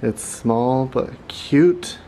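A man's voice: mid-range voice, drawn-out words, mellow, a little hiss or hum. A man of thirty, a nurse, talking casually and self-consciously while vlogging with a handheld camera, mostly outdoors, with the odd laugh. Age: 30s. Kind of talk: casual travel vlog. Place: outdoors at the beach and around town, also a hotel room. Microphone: handheld camera at arm's length. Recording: music playing underneath.

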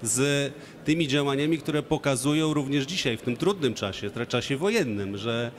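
A man's voice: medium pitch, moderate pace. A man speaking formally and measuredly on a conference panel, with frequent hesitations, into a handheld mic. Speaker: minister on panel. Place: large conference stage.

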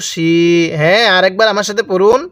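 His voice sits high, brisk and a bit bright, captured as a dry recording with clean studio sound. The man is teaching Arabic letter reading in a slow recitation lesson, using a Bangladeshi Bengali accent as he drills and repeats each syllable for the learner.

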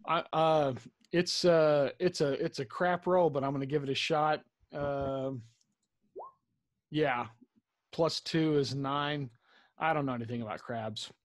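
A man's voice: on the high side, fairly even intonation, a little slow, no echo, clean studio sound. A man playing in a tabletop game, chatty and joking, thinking aloud as he goes. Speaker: player. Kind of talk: casual tabletop play.

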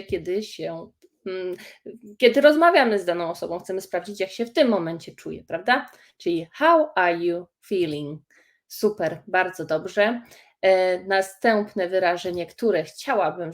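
A woman teaching English phrases in a live stream, slow and encouraging as she reads out viewers' comments. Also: medium pitch. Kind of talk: live-streamed language lesson.

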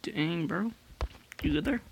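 Slow, gravelly young man gaming. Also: fairly high pitch, background noise. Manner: slow, rambling, chewing gum while talking. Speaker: gaming video creator. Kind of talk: casual gameplay commentary.

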